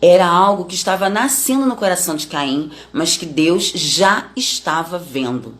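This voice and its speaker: A woman's voice: fairly low pitch, animated, normal speed. A middle-aged woman giving an informal Bible lesson in a conversational way, with family examples. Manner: conversational, many tag questions, explains with family examples. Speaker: Bible study teacher.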